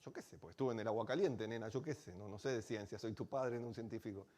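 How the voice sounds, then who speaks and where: A man's voice: mid-range voice, fast, darkish tone, lightly acted. Rioplatense guy doing a joking middle-aged dad, offhand, teasing. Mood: dismissive. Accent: Rioplatense Spanish. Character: gruff joking father, middle-aged man.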